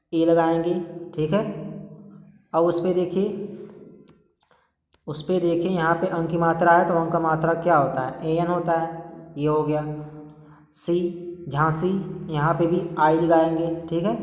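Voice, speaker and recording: A patient teacher giving a step-by-step spelling lesson, spelling out letters slowly and often checking that the listener is following. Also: mid-range voice. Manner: patient, repeats "ठीक है" to check understanding. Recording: echoey room, long reverb.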